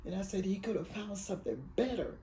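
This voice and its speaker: An elderly woman in her eighties, from Alabama and raised in Detroit, tells her family's story for an oral history. Her voice is dark and mellow, and her speech wanders and halts with emotion. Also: mid-range voice, animated, slight background noise, poor audio. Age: 80s. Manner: rambling, emotional, halting.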